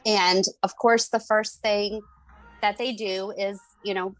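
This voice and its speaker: A woman's voice: mid-range voice, flat delivery, takes it slowly, no room sound, poor audio. Earnest mother telling her story. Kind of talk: personal testimony on a call.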